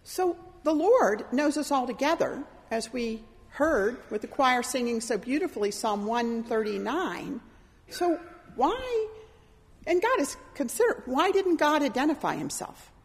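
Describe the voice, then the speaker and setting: A middle-aged woman preaching a sermon, her high voice rising and falling as she tells stories and plays out the voices of the people in them. She sounds lively, and her voice carries through the long reverb of a church hall. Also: a little slow. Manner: animated storytelling, voices quoted speakers. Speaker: pastor.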